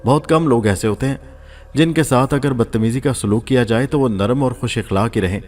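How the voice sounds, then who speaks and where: A man reads a first-person story aloud, steady and measured as he tells it. His pitch sits in the middle of the range for a man. He keeps an even storytelling pace throughout. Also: a little hiss or hum. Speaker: audiobook narrator.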